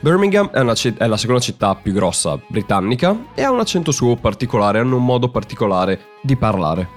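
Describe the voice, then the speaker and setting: A man's voice: mid-range voice, very animated, a little fast, faint music behind. A young man from Italy hosting a podcast, explaining in a chatty way and laughing at himself now and then. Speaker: podcast host. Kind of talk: casual podcast monologue.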